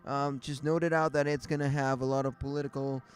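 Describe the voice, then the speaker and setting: A man's voice: mid-range voice, little pitch movement, a little fast, clean tone. Rambling man hosting a casual livestream. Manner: rambling, many fillers and restarts. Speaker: livestream host. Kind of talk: casual chat. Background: faint music.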